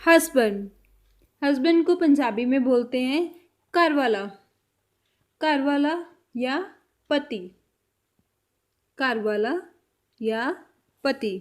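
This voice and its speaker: Slow, high-voiced woman teaching vocabulary. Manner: repeats each word slowly, trailing off softly. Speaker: language teacher.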